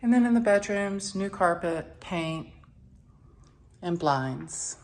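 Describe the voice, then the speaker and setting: Slow, low-voiced woman giving a walkthrough. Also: lively intonation. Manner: matter-of-fact, listing items in short phrases with pauses. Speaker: property renovation presenter. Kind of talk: informal walkthrough narration. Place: inside a house, walking through rooms.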